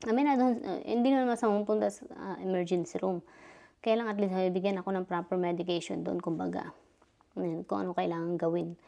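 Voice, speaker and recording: A woman's voice: fairly low pitch, fairly even intonation, brisk, vocal fry, mellow. Middle-aged lady vlogging, chatty, lots of fillers, still kinda dizzy. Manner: chatty, retelling dialogue, frequent fillers. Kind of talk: casual storytelling vlog.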